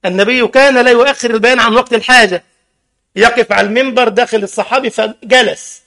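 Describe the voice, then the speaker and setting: An Egyptian imam preaches to his congregation in a very high, gravelly voice. His tone is bright and sharp, and he keeps firing rhetorical questions and teasing listeners in the mosque. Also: steady tone, fast talker. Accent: Egyptian Arabic. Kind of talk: mosque sermon.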